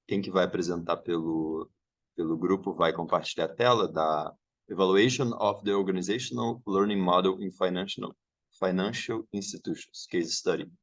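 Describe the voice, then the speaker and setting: A man's voice: low-pitched, fairly even intonation, moderate pace. A man organizing an online academic session, checking details aloud as he goes. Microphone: video call.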